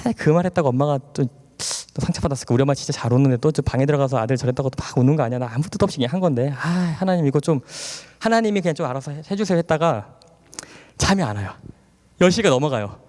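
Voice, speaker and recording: A man in his thirties giving a testimony sermon at a church camp, telling stories with animated acted-out dialogue and frequent laughter. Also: medium pitch, quick pace. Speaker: guest speaker at a church camp. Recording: long hall reverb.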